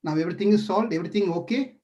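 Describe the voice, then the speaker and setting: A man with a warm, high voice talks very fast and acts only lightly as a caring, playful male deity. In this devotional story, the god curiously and eagerly quizzes a fearful sage. The sound is dull.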